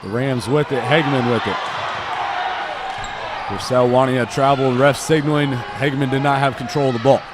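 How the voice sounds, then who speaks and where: This young American commentator has a mid-range, fairly even voice at normal speed, pausing often as he calls basketball live. His clipped play-by-play follows the action over loud court sounds and bouncing balls in the gym.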